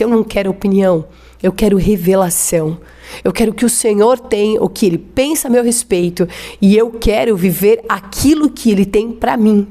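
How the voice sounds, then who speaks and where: Fervent woman preacher with a Brazilian accent, sermon to the congregation, emphatic drawn-out words. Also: mid-range voice, darkish tone. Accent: Brazilian Portuguese. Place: church.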